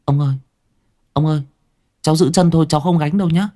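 A man voicing a frightened little village boy, calling out shrill and urgent. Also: steady tone, fast talker, mellow, natural voice. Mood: pleading.

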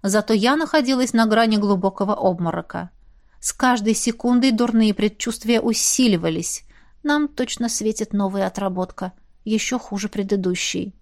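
A woman narrating a first-person fantasy audiobook in a wry, expressive way. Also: mid-range voice, moderate pace.

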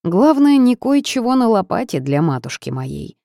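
A woman's voice: medium pitch, sing-song, normal speed, gravelly, mellow, no room sound, studio quality, pitched above the performer's own voice. A woman voicing a secretive, gluttonous male forest creature with a wry, teasing manner.

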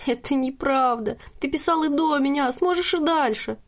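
A woman's voice: high-pitched, normal speed, pitched above the performer's own voice, close to an everyday voice. A woman reading the lines of a distraught young woman close to tears in an audiobook.

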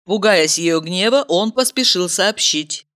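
Woman, audiobook narrator, animated intonation, dramatic storytelling. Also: fairly low pitch, measured pace.

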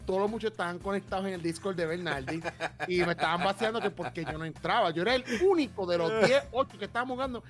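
A man's voice: high-pitched, fast, a bit bright, soft background music. A man co-hosting a casual gaming chat, laid-back and chatty, laughing often. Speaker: podcast co-host.

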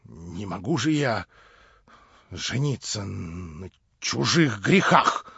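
An aging, sentimental gentleman, played by a male reader, fretful and easily moved, in a storybook reading. He speaks in a trembling, plaintive way. The recording is dry and a little dull. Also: fairly low pitch, very animated, takes it slowly, gravelly, husky, no room sound, pitched below the performer's own voice, heavily acted.

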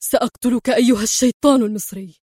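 A woman's voice: on the high side, fast, darkish tone, dry recording, studio quality, natural voice. A woman voicing an irritated male mafia lieutenant who speaks curtly and with exasperation. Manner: curt, exasperated.

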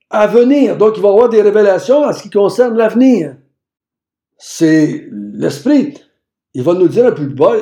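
A man's voice: sits high, warm tone, reverberant. A man teaching a Bible passage, emphatic and repeating phrases for stress. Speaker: preacher.

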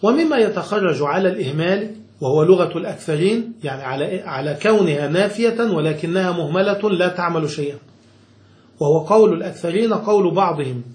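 High-voiced man patiently explaining grammar. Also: animated, brisk, a little mellow, echoey room. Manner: patient, repeats and rephrases each point, checks understanding. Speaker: teacher of Arabic grammar. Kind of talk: explaining a grammar text to a student.

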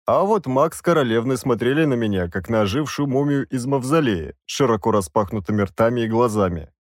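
A man's voice: medium pitch, animated, brisk, no echo. A male audiobook narrator telling a fantasy tale in the first person with a wry touch. His mid-range voice moves animatedly, recorded close and dry in a studio.

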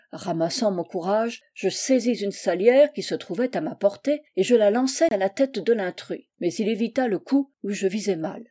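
A woman narrating a classic short story in a measured, expressive storytelling manner. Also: medium pitch. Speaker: reader. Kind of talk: literary audiobook narration.

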